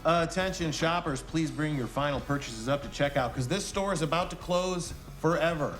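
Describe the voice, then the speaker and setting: An actor playing a male store worker making a supermarket loudspeaker announcement in friendly announcer patter. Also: fairly high pitch, moderate pace, music in the background. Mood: upbeat. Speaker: store employee.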